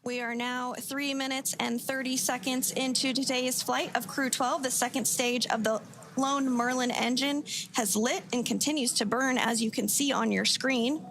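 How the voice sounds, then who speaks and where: A woman giving live launch commentary, explaining each step in a measured way. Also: steady tone, a bit bright. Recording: very noisy feed with rumbling background.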